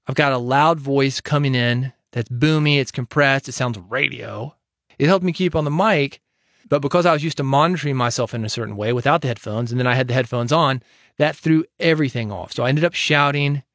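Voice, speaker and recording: Alone behind a studio microphone, a male podcast host gives direct and confident advice in a solo episode. He speaks at a medium pitch, with no room sound on the recording.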